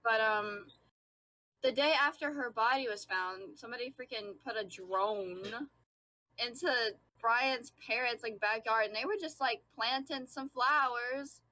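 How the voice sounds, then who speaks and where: A young woman chatting casually on a podcast, full of "like" and giggles, animated, on a faint mic that cuts out. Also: a little high, a little slow, low-quality recording. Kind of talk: casual chat. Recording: faint, cutting out from a weaker mic.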